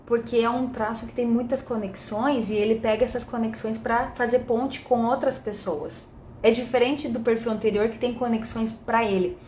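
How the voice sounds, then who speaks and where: A woman's voice: on the high side, steady tone, moderate pace, darkish tone, roomy sound, slight background noise. A woman from Brazil teaching a mentoring group live, chatty, addressing viewers directly and reading their comments aloud.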